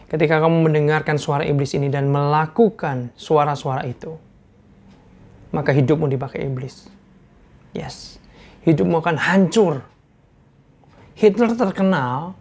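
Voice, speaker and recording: Speaking in a fairly high voice with a darkish tone, this man gives an earnest, informal sermon. He repeats things to drive them home, quizzes his listeners, and clears his irritated throat.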